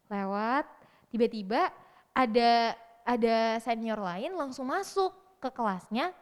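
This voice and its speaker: A young woman telling a story in lively, slangy casual chat, acting out what people said. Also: a little high, slow, big-room sound. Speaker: interview guest.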